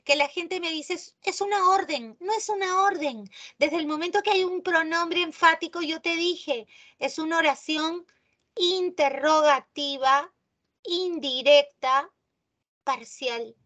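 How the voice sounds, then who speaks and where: A woman teaching a live online grammar class. She often checks in with her students and stresses key terms slowly. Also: extremely high pitch, fairly bright tone. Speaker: language teacher.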